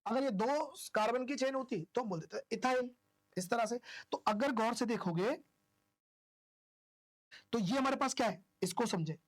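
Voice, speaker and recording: A woman's voice: on the high side, normal speed, pauses often. A woman teaching an online chemistry class, chatty and informal, who keeps asking questions and answering them herself. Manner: chatty, asks and answers own questions, homely analogies.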